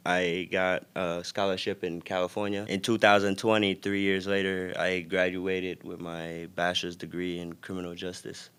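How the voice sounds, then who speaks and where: Deep-voiced Senegalese young man. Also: flat delivery, moderate pace, few pauses, fairly bright tone, smooth. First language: Wolof. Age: young adult. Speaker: guest. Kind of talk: casual interview.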